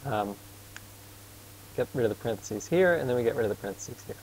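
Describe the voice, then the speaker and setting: A man's voice: mid-range voice, animated, a little mellow, slight background noise, low-quality recording. A man tutoring math casually and patiently, asking his student questions as he works. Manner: casual and patient, quizzes his student, admits he talks fast. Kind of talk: informal tutoring lesson.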